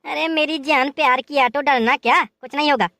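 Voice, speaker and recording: A woman's voice: sits high, normal speed, sharp tone, dry recording. A woman voicing a boastful, broke young groom in a comic cartoon, coaxing and breezy as he talks his way out of things.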